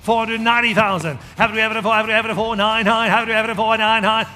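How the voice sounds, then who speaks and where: A man working as an auctioneer, rattling out repeated numbers and calls in a rapid chant to urge bidders on. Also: high voice, steady tone, pushed and bright. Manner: rattling, repetitive calling, urging bidders. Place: large auction hall. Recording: echoey hall PA with background music.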